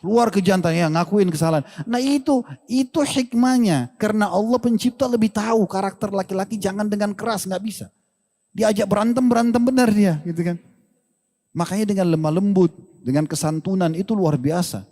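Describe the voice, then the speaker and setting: Male religious teacher, animated Q&A sermon delivery, fairly high and mellow voice, long hall reverb. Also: brisk. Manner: animated, joking, acts out quoted dialogue. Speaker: religious teacher answering questions. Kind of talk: lively Q&A sermon.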